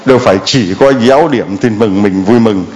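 A man's voice: fairly low pitch, moderate pace, darkish tone. A man, a priest, preaching emphatically and asking rhetorical questions of the congregation. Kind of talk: sermon with audience questions.

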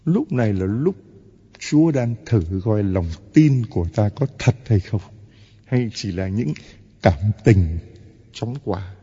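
A man, a priest, giving an impassioned sermon, drawing out key words slowly and rising to emphatic peaks. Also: on the low side, lively intonation, dark tone, slightly rough, big-room sound, muffled recording.

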